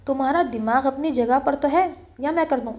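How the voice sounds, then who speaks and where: A woman's voice: high-pitched, darkish tone, lightly acted. A woman voicing a fiery young woman coworker who snaps back with scolding, threatening retorts. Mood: scornful.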